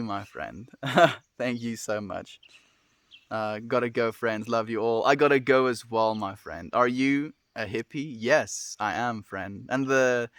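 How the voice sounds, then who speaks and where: A young South African man hosts a livestream, reading chat and replying warmly, gently and affectionately, often saying "my friend." His pitch sits at an ordinary middle level. The recording is dry and close, without room echo.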